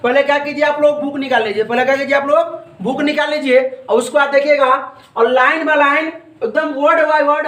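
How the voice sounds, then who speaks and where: His pitch is extremely high and a bit bright as this male teacher explains a poem to his class. The room echoes, and he repeats each point, asking questions and then supplying the answers.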